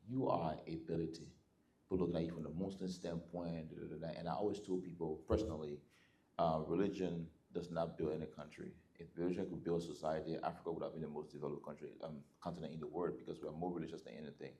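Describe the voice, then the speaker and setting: A man's voice: rumbling low, dark tone. A man from Liberia hosting an interview, asking long, rambling questions with many hesitations. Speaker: host.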